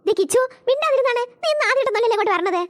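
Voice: very high voice, animated, racing, fairly bright tone. A voice actor playing a kindly preschool teacher who coaxes and soothes little children in a cartoon. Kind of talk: cartoon voice acting.

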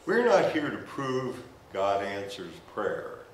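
Preaching a conversational sermon sprinkled with humor, an older pastor paces the church stage with gestures, wearing a headset mic. His fairly low voice swings widely in pitch at a slow pace, and the recording has a roomy, distant church sound with slight background noise.

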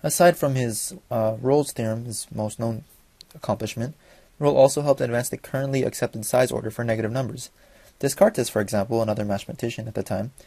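A young man, a student, reading a school presentation from notes, fast and with small slips and restarts. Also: mid-range voice, dark tone, dry recording.

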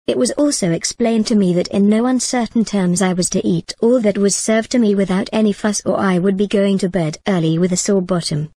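A woman reading a story aloud in a measured, even manner. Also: medium pitch, breathy edge, no echo. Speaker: narrator. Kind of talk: storybook narration.

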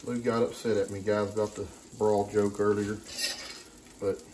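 A man with a lowish, mellow voice, level in tone and moderately paced, hosts a casual home cooking video, chatting playfully and calling people pet names as he cooks. The camera sits a few feet away on the counter of an indoor home kitchen, which sounds roomy, with some background noise.

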